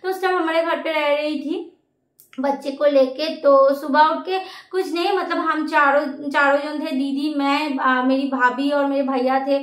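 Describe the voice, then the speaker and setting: A woman vlogger telling a family story in a casual, rambling way, with many pauses and restarts. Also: sits high, fairly even intonation. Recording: echoey room.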